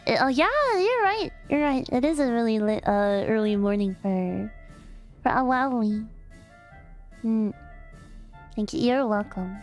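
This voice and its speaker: Chatting on her livestream, a young streamer giggles and rambles, full of fillers and restarts, and is playful and fond with her chat. Her voice is on the high side and expressive, a little slow with long pauses and a darkish tone, over faint background music.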